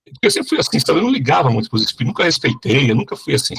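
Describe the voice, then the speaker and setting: Middle-aged são preacher, raspy gravelly voice, animated testimony. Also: male voice, mid-range voice, very fast. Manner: animated storyteller, keeps asking the crowd "né?". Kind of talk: sermon testimony.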